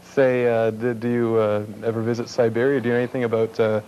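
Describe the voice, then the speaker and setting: A man's voice: mid-range voice, flat delivery, lo-fi sound, a little hiss or hum, close to an everyday voice. A man playing a pompous, bumbling talk show host who stammers and bosses his guests around. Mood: bossy. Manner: stammering, halting, bossy.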